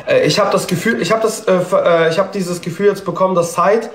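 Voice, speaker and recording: A man trying to calm a dispute, hesitant and searching for words. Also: high voice, a little fast, slight background noise. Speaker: mediator in a live stream. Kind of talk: live stream discussion. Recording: echoey room.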